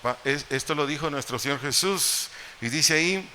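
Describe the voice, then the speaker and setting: A man with a Mexican accent, speaking as a pastor, delivers a sermon in a church hall, unpacking scripture through rhetorical questions and humorous asides. His voice sits on the high side, with a moderate pace and a sharp tone. The recording carries the echo of the hall and faint noise.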